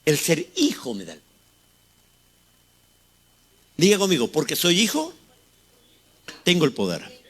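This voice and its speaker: A man's voice: fairly high pitch, huge pitch swings, a little slow, pauses often, fairly bright tone, husky. A man in his sixties with a Chilean accent preaching a fervent sermon, asking the congregation rhetorical questions. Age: 60s. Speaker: pastor.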